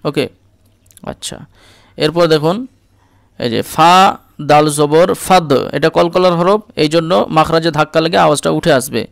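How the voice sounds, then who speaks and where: Male Quran tutor, slightly high, smooth clear voice, dry close sound, spells out letters then chants words slowly. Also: no echo. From India. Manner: checks in often with the listener. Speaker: Quran reading teacher. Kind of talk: step-by-step recitation lesson.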